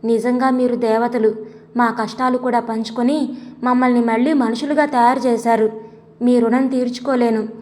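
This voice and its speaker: A woman's voice: a little high, level tone, normal speed, darkish tone, natural voice. A woman voicing a grieving, earnest doctor and father in an audio story, speaking in a sorrowful way. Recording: long echoey reverb.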